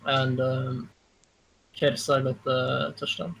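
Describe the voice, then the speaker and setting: Norwegian-accented male co-host, husky, halting, self-deprecating. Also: mid-range voice, flat delivery, fairly bright tone, poor audio. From Norway. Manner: hesitant, many ums, self-deprecating. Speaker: co-commentator. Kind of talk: casual game recap chat.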